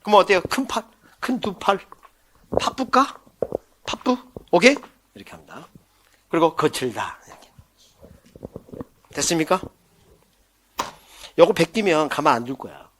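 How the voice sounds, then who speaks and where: A man's voice: a little high, very animated, a little hiss or hum. A man teaching an exam-prep lecture, joking and acting out little scenes as memory tricks and quizzing his listeners as he goes. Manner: playful, jokes and mimics scenes for mnemonics; quizzes listeners with quick questions.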